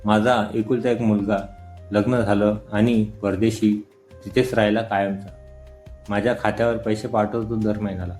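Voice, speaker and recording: A man reading the lines of a kind, lonely older woman teacher in an audio story, calmly and gently. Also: on the low side, moderate pace, faint music behind, close to an everyday voice. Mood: gentle.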